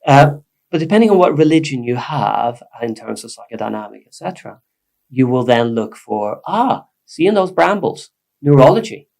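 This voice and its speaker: Gravelly man, animated. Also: mid-range voice, moderate pace. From Sweden. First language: Swedish. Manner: animated, explanatory, emphatic. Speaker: guest psychotherapist. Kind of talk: conversational podcast interview.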